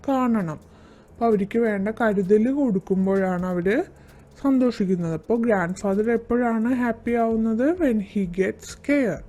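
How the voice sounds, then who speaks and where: A woman teacher with a Malayali accent explaining a school lesson, reading English lines slowly and deliberately before explaining them. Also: mid-range voice, mellow.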